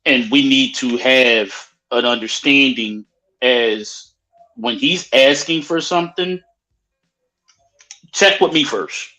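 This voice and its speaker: A man's voice: mid-range voice, slow, pauses often, pushed and bright, soft background music, poor audio. Man with a blunt, profane casual manner. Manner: blunt, profane, reading viewer comments aloud. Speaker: co-host. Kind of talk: casual live-stream chat.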